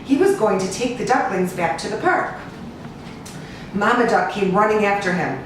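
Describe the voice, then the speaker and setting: This clip has an animal cruelty investigator and rescue agent, an American woman, reading a storybook to children at medium pitch. Her delivery is expressive and sing-song, with drawn-out repeats in her listing. She sounds far off in a very echoey indoor room, with hiss on the recording.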